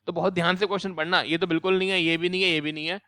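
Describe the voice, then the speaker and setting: A young man teaching exam questions, mixing Hindi and English, reading questions slowly and then explaining quickly. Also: high-pitched, flat delivery, sharp tone, clear, resonant tone, no room sound.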